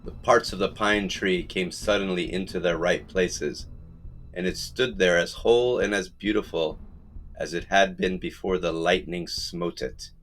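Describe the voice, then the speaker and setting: Slow deep-voiced male storyteller. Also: fairly even intonation, a bit bright, faint music behind. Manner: measured, storytelling. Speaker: audiobook narrator. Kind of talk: scripted narration.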